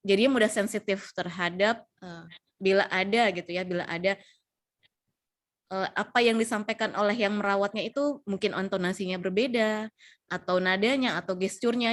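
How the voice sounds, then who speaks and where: A young adult woman giving an explanatory health talk on caring for older people, with frequent fillers and restarts. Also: mid-range voice. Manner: explanatory, many fillers and restarts, acts out quoted lines. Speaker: health educator.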